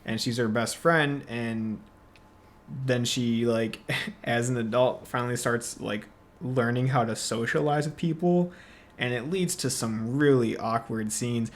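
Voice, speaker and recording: A man co-hosting a podcast, chatting casually about movies, relaxed and quick to laugh. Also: mid-range voice. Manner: relaxed, laughs often, lots of fillers. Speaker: podcast co-host. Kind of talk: casual movie review chat.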